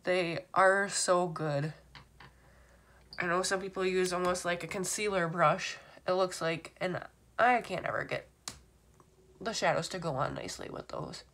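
A woman's voice: on the low side, a little slow, a bit bright, slight background noise. A woman in her thirties with a stuffy nose from a cold, chatting casually through a makeup tutorial. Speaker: beauty vlogger. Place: small room at home.

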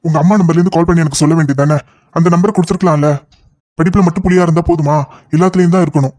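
A man's voice: on the high side, steady tone, darkish tone, natural voice. A man voicing a pushy young cartoon lover. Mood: scolding. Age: young adult. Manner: rapid, insistent scolding. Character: young male lover, impatient and scolding. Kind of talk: cartoon voice acting.

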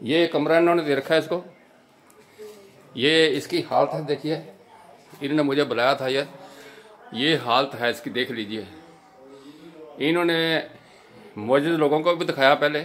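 A man's voice: fairly high pitch, normal speed, long pauses, a bit bright. A man with a Punjabi accent giving a walking report outdoors at a village house, earnestly pointing things out and repeating himself, recorded on the camera mic. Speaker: social video reporter.

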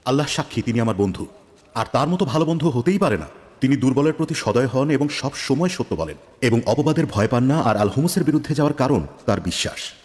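A man's voice: mid-range voice, animated, fast, darkish tone, natural voice. A man voicing a loyal, devout male companion in a dubbed drama, speaking earnestly and solemnly. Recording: long reverb.

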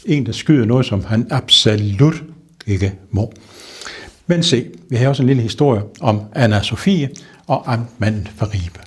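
A man guides visitors through an old castle and tells its ghost stories with relish, building up the suspense as he goes. His mid-pitched voice rings on in the long reverb of stone rooms and a wine cellar. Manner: lively storyteller, building suspense. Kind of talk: ghost-story guided tour.

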